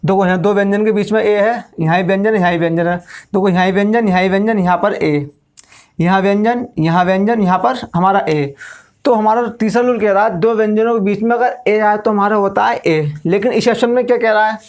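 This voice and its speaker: A man's voice: sits high, fairly quick. A male English teacher, giving a classroom lesson and explaining step by step, asking questions and then answering them himself.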